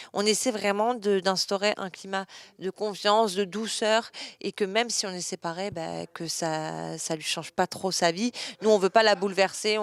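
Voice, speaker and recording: Young woman, interview guest; smooth, clear tone, dry close sound, chatty with many fillers. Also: mid-range voice, no room sound. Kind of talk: casual interview answers.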